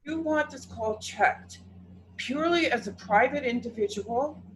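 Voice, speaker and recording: An actress playing a polite, procedure-bound telephone company operator in a radio play, official and placating. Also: female voice, fairly high pitch, a little slow, slight background noise, natural voice, low-quality recording. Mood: politely firm. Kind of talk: stage radio play acting.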